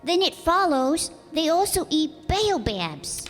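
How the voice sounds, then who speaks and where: Woman playing the Little Prince, high-voiced earnest boy. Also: big pitch swings, takes it slowly, exaggerated voice. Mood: grave, earnest. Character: little prince, small earnest insistent boy from another planet. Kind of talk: radio drama acting. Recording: long hall reverb, music behind.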